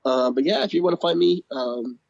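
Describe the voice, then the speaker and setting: Hoarse, gravelly man losing his voice. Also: on the high side, animated, a little fast. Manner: rambling, enthusiastic, laughs often. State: hoarse, voice going out. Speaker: podcast guest. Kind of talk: casual interview chat. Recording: dull lo-fi audio.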